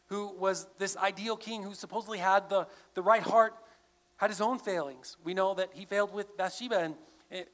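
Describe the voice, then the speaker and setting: A man's voice: high-pitched, fairly bright tone. A male pastor preaching a sermon in a conversational, explaining way. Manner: conversational, with frequent restarts. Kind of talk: expository sermon.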